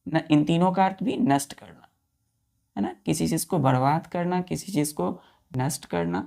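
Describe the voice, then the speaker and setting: Gravelly-voiced woman teaching vocabulary. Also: low-pitched, very animated, moderate pace, warm tone. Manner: spells words letter by letter, repeats and quizzes pupils; addresses listeners as children. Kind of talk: classroom-style lesson.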